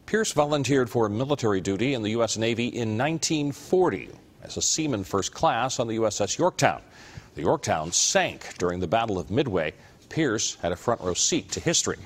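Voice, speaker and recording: Low-pitched, animated male news anchor. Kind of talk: scripted news anchor read.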